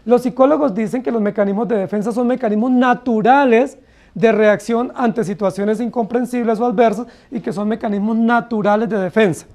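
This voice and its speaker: Colombian pastor teaching a Bible study. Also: male voice, extremely high pitch, fairly quick, a little mellow. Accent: Colombian Spanish. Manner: asks the congregation frequent rhetorical questions, acts out quoted excuses. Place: church.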